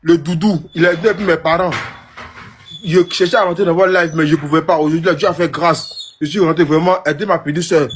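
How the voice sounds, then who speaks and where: A man's voice: fairly high pitch, steady tone, brisk, slight background noise. A young man with an Ivorian French accent calling in, moved and pleading, repeating himself and stumbling over words. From Côte d'Ivoire. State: emotional, moved. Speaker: caller. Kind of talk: emotional call-in plea.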